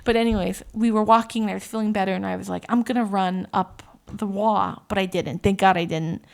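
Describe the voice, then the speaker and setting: A woman co-hosting a podcast, telling a story in casual, animated chat, swearing often and acting out voices when she quotes. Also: medium pitch, a little fast, vocal fry. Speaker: podcast co-host.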